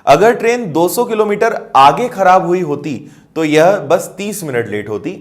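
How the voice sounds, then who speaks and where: A man teaching maths, explaining word problems step by step and checking that students follow. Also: on the high side. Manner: explanatory, checks understanding with questions. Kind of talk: explaining math problems on a board.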